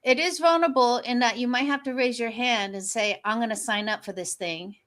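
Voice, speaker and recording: A woman's voice: a little high, fairly quick, a bit bright. A woman speaking as a guest coach in a conversational, motivational style. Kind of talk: conversational motivational panel talk.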